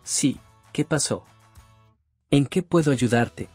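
A performer voicing a friendly male daycare teacher who talks in a calm, reassuring way. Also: mid-range voice, takes it slowly, breathy edge, no echo, faint music behind. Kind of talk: game role-play acting.

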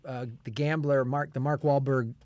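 A man's voice: medium pitch, level tone, moderate pace, darkish tone, dry recording. A man co-hosting a casual comedy film podcast, joking and slipping into silly quoted voices. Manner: jokey, slips into silly voices. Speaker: podcast co-host.

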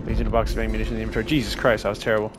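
A young man commentating as he plays a horror game, swearing often, talking to the game's characters and getting excitable when things go wrong. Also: fairly low pitch, very fast, music in the background. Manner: profane, excitable, talks to the game. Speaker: gaming channel host.

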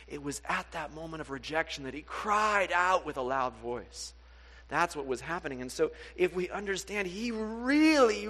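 A man preaching a sermon as pastor, animated and acting out the voices he quotes. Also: fairly high pitch, husky, long reverb tail.

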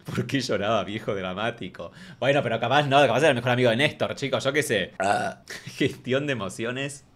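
A man with an Argentine accent rattles off casual comedic commentary at a quick clip. His tone stays chatty and playful, full of theatrical asides, and his voice sits at an ordinary middle pitch. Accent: Argentine Spanish. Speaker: comedic news-parody host.

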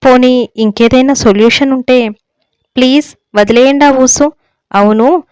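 A shy young bride with a teasing, coaxing way of asking for things. A woman plays her in a storybook reading, her voice a bit high and very clear. It is recorded close with no room around it. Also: no room sound, natural voice. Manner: coy, gently coaxing.

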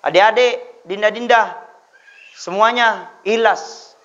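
A male preacher, his voice very high and bright. He tells stories in a chatty way, then lifts into loud exhortation. The audio is dull and lo-fi. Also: slow pace. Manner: storytelling, shifts between chatty asides and loud exhortation. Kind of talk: humorous sermon.

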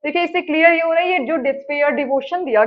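A woman's voice: high-pitched, fast, dull audio. A woman teaching an exam-prep grammar lesson. She keeps asking the class questions and then answers them herself, checking in with "okay" again and again. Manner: repeats "ठीक है" to check understanding.

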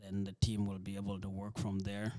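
In clean studio sound with no echo, a soft-spoken man with a flat, low voice talks as a guest ministry leader in a church interview conversation. His first language is Dinka, and he speaks haltingly with many fillers and restarts.

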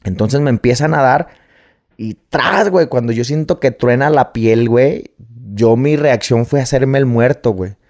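A man's voice: mid-range voice, normal speed, a little mellow. A man with a Mexican accent, a guest telling a personal story casually, swearing freely and peppering every phrase with slang.

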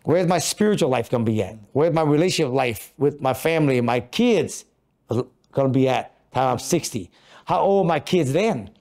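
Speaking expressively at a moderate pace, with a mid-range, darkish voice, a fifties-aged podcast co-host discusses goal setting. The motivational talk takes place in an office meeting room, and his coaching is earnest and packed with rhetorical questions.

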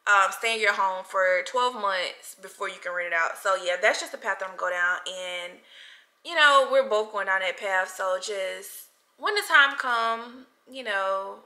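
Bright-voiced chatty woman, age 30. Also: mid-range voice, moderate pace. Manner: chatty, frequent "like" and "y'all" fillers. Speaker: vlogger. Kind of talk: casual chat to camera. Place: bright living room, seated on a couch. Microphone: camera in front of her.

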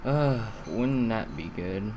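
A young man with a lisp doing casual, rambling gameplay commentary, halting and often repeating himself. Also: on the low side, lively intonation, noisy background. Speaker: gaming video host.

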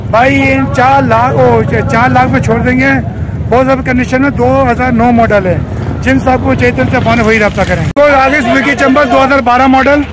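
Upbeat high-voiced Pakistani man vlogging. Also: steady tone, brisk. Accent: Pakistani Urdu. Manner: upbeat, keeps praising and repeating figures back. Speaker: vlogger showing vehicles for sale. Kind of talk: walk-around market vlog. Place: outdoor used-vehicle market. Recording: loud crowd and street noise.

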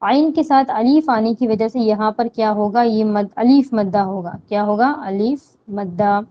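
A woman teaching Quran recitation rules, explaining slowly and answering her own questions, with drawn-out chanted recitation of verses. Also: fairly high pitch, highs cut off. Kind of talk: slow step-by-step tajweed lesson.

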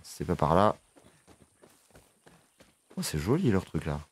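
A man giving casual gameplay commentary, excitable and swearing, chatting to his horse as he plays. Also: low-pitched, slow, breathy edge. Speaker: gaming video creator.

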